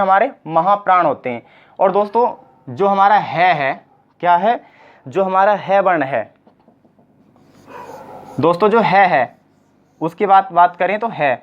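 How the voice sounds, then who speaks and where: A man teaching a grammar lesson for exam prep, repeating each point and asking rhetorical questions before he answers them. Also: high-pitched. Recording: slightly dull lo-fi sound.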